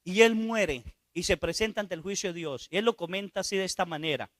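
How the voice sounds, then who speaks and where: A priest delivering a sermon in a high, bright man's voice, recorded close and dry. He tells a story to the congregation, slipping into quiet asides and testing them with rhetorical questions. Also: fairly quick, no echo.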